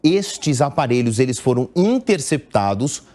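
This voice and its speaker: Working as an international editor, this middle-aged Brazilian man explains the news analytically and at a measured pace, occasionally restarting briefly, in a Brazilian Portuguese accent. His voice is mid-range and warm, with big swings in pitch.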